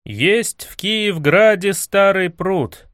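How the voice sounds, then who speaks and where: A cocky young fool hero from a spoken fairy tale, brisk and a little bossy, voiced by a male narrator. His voice sits slightly higher than the narration. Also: expressive, a bit bright, clear, resonant tone, no echo, clean studio sound, full character voice. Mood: dreamy.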